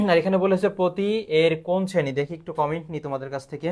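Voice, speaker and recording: A man's voice: fairly high pitch, racing, darkish tone. A man teaching a live online grammar lesson, asking questions and answering them himself.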